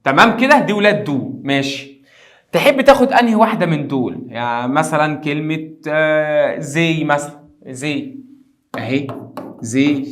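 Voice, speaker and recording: An English teacher with an Egyptian Arabic accent explains grammar in a lively, teasing classroom manner, talking directly to his students. His voice is on the high side.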